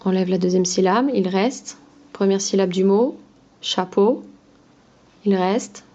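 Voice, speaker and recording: A woman teaching a phonics lesson to young children, talking slowly and patiently in a sing-song voice. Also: mid-range voice, mellow, muffled recording.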